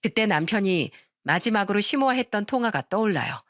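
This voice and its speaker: A woman narrates a dramatized radio story like she is chatting with a friend. Her pitch rises and falls in a lively way. The recording is dry and close to the mic. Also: brisk, no echo. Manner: expressive, conversational.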